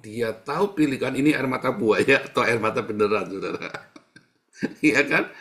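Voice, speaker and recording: A male pastor preaching in a colloquial, teasing manner, jumping between loud bursts and hushed asides. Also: medium pitch. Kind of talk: sermon.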